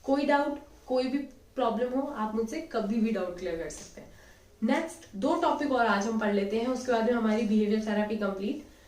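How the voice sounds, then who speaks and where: A woman's voice: fairly high pitch, brisk, darkish tone, far from the mic. Woman teaching in an echoey room. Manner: explains in a friendly way, acting out quoted examples; mixes English phrases into speech. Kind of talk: classroom lecture.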